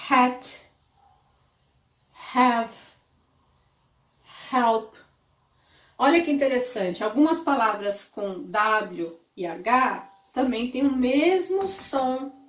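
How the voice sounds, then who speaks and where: A Brazilian woman, a native Portuguese speaker, teaching an English pronunciation lesson in a slow, clear way and checking in with the class often. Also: a little high. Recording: roomy echo, mic at a distance.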